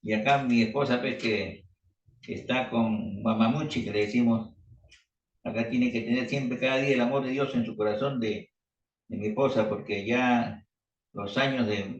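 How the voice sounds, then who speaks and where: A man's voice: fairly low pitch, steady tone, measured pace, muffled recording. A man, leading an online church meeting and giving an informal sermon full of fillers and restarts. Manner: rambling, with frequent fillers. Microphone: video call. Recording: roomy, distant video-call audio.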